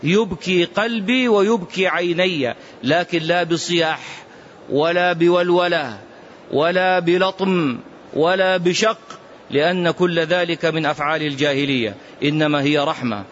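A man's voice: on the high side, unhurried, a bit bright, highs cut off, a little hiss or hum. A man giving a religious teaching commentary who speaks with impassioned emphasis and sometimes chants his recitations. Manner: impassioned, emphatic warnings addressed to the listener. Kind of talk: classroom commentary on prophetic tradition.

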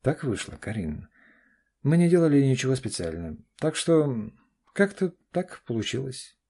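A self-assured middle-aged father who speaks in short, firm phrases, played by an audiobook reader. The voice stays dark and husky. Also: mid-range voice, big pitch swings, normal speed, pitched above the performer's own voice. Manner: curt and clipped. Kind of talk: audiobook character voice.

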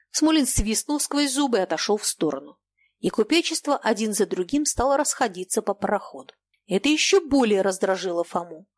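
A woman narrating a classic novel in a measured, dramatic way. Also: medium pitch, no room sound. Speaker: audiobook narrator. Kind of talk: expressive literary narration.

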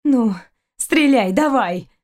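A woman's voice: on the high side, lively intonation, slow pace, a little mellow. A frightened young woman taken into space pleads in a raised, agitated voice, read by a woman narrator. Her lines are urgent and insistent.

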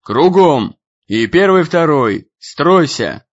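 A blustering drill commander , as a male narrator puts him on, bellows slow, drawn-out orders in a raised voice. The audiobook sound is a little muffled. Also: on the high side, big pitch swings, full character voice. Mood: barking orders. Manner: barks short military commands. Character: loud bossy middle-aged male drill commander. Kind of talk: audiobook character voice.

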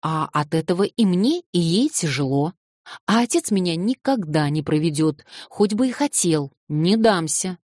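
Woman voicing a naive excitable young man. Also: fairly low pitch, moderate pace, no room sound, clean studio sound. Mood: plaintive. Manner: eager, plaintive, protesting.

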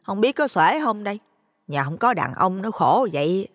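A man's voice: very animated, fairly bright tone, clean studio sound. A man voicing a worried, blunt older village mother. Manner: high falsetto, brisk and nagging. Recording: long reverb.

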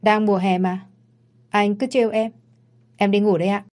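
A woman's voice: mid-range voice, steady tone, normal speed, a little mellow, lightly acted. A woman voicing a timid young maid from the countryside, polite and pleading.

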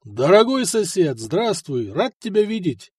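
A man's voice: sits high, sing-song, a little slow, darkish tone, slightly rough, no room sound, clean studio sound, voice pushed up, full character voice. A man voicing a bluff, good-natured blacksmith husband who teases and boasts. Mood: jovial.

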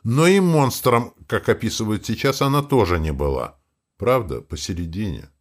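Male narrator doing a contemptuous bearded forest elder, low voice with wide swings. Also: lively intonation, normal speed. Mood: lecturing. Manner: lecturing, contemptuous. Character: bearded old man of an eerie forest, scornful and blunt.

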